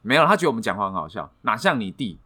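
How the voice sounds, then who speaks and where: A man's voice: lowish voice, very animated, racing, bright, forceful tone. A man with a Taiwanese Mandarin accent co-hosting a podcast, bantering with crude, teasing jokes. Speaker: podcast co-host. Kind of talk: casual comedic chat.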